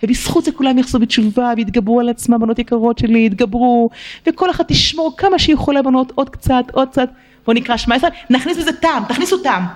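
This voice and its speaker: A middle-aged woman telling a sermon story to girls, leaping high and slow into quoted and prayed lines, tearful at times. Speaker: religious teacher addressing girls.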